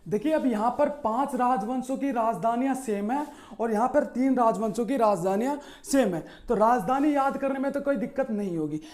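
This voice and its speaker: Mellow-voiced male history teacher. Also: very high voice, normal speed, few pauses. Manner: asks rhetorical questions and answers them, says "okay" after nearly every point. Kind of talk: explaining memory tricks to students.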